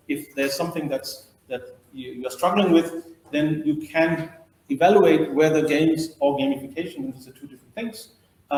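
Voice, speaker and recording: A man's voice: medium pitch, darkish tone, slight background noise. A middle-aged man who grew up in India, giving a training lecture and explaining his ideas as he thinks them through. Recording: roomy echo.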